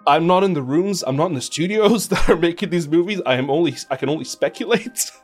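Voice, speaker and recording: Faint music plays behind a man being interviewed, a radio presenter and video game composer. He talks fast and animatedly at a fairly high pitch, giving emphatic, conversational, opinionated answers that show thought.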